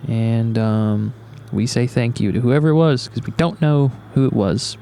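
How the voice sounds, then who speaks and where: A man's voice: mid-range voice, moderate pace, creaky, dark tone, slight background noise. A young man co-hosting a podcast, talking in a laid-back, rambling way with plenty of swearing, recorded outdoors in the woods at night. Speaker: podcast co-host. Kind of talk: casual chat.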